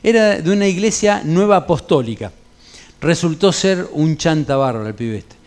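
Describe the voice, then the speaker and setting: High-voiced Argentine pastor preaching. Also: male voice, expressive, moderate pace, a little mellow. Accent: Rioplatense Spanish. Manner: conversational preaching with anecdotes and colloquial asides. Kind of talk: sermon, Bible study. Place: church, during an evening Bible study.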